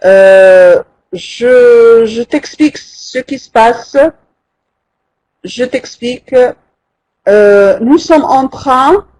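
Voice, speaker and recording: A language teacher leads a live online class at a very unhurried pace. The delivery is patient and halting, full of hesitations, and the teacher counts syllables out slowly and deliberately. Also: mid-range voice, darkish tone. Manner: slow, patient, with frequent hesitations. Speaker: French teacher.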